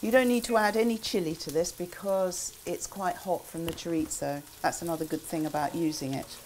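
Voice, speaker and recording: With food sizzling in the pan, this older woman from England talks through a recipe in her small kitchen as a casual cooking demo for her cookbook. She's relaxed and chatty, full of asides and ums, speaking fairly quickly in a lowish voice. A little hiss or hum sits under the audio.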